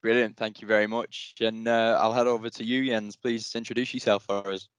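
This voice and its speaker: A man hosting a panel podcast, introducing guests with polite, brisk remarks. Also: on the low side, little pitch movement, smooth, no echo. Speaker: podcast host.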